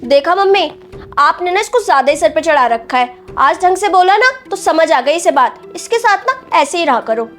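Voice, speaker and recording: A woman's voice: extremely high pitch, animated, normal speed, a bit bright, soft background music. A woman playing a spoiled young sister-in-law who taunts and complains in a family drama skit. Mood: taunting. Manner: taunting, whiny.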